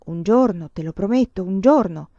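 A woman reading aloud voices a tender, earnest young man in love, with a warm and earnest manner. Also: mid-range voice, animated, moderate pace, dry recording. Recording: dull lo-fi, dry.

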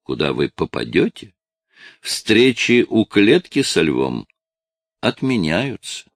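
Male reader doing a curt mocking detective, deep gravelly voice, dry read. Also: sing-song, slow, no room sound, full character voice.

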